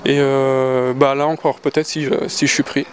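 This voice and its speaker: A man's voice: medium pitch, level tone, moderate pace, slight background noise. A man who is a model candidate answering interview questions with hesitations and fillers. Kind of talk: casual interview.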